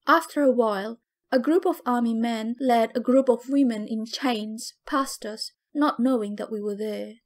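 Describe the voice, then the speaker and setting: A woman reads a first-person audiobook with a somewhat high voice. Her delivery is steady and grave. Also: normal speed. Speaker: audiobook narrator.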